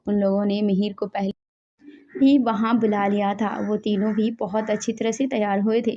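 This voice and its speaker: Mellow-voiced woman narrating a story. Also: mid-range voice, moderate pace, muffled recording, a little hiss or hum. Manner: steady, even reading.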